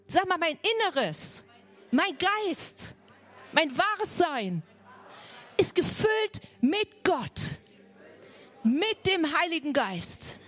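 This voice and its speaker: A woman preaching a charismatic sermon, fervent, repeating phrases and dropping to a soft near-whisper. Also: sits high.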